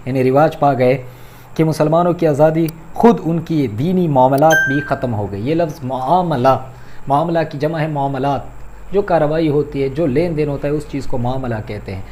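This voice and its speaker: A Pakistani man gives an Urdu vocabulary and grammar lecture, explaining words and repeating them to correct pronunciation while addressing listeners politely. His voice is a little high with a darkish tone, and there's slight background noise.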